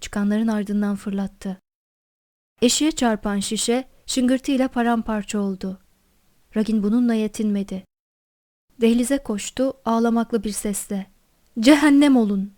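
A woman narrating an audiobook of a novella in a measured, expressive storytelling manner. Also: a little high.

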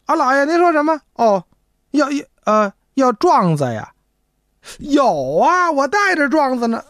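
A man's voice: extremely high pitch, very animated, a little slow, fairly bright tone, no room sound, studio quality, pitched above the performer's own voice, full character voice. A man playing a timid, half-deaf old farmer. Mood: flustered. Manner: pleading, rustic, stammering. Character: timid old male farmer, nearly sixty, hard of hearing.

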